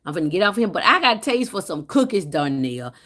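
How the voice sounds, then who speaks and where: A woman's voice: fairly low pitch, quick pace. A woman chatting casually on a phone livestream, telling stories and calling out to viewers by name. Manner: animated storytelling, calls out to viewers by name. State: tired. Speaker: livestream host. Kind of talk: casual live-stream chat.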